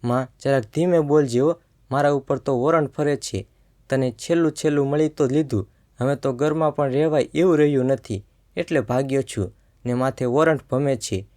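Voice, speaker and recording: A man telling a story, voicing a young fugitive son who talks low and choked. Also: normal speed, a little mellow, natural voice. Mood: desperate. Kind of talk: storytelling narration.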